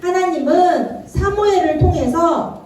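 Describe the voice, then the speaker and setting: A woman preacher giving a lively children's Sunday sermon in a church, playfully acting out Bible figures and asking the kids questions. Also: very high voice, unhurried. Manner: animated, playful, acts out characters and asks the children questions. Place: church worship room. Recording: roomy echo, distant from mic, faint ambience.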